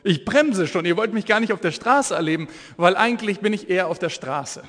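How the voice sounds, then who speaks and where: Fervent male evangelist in his forties, lively storyteller, high voice, echoey church hall. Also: fairly quick. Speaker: evangelist preacher. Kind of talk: energetic sermon with Bible storytelling.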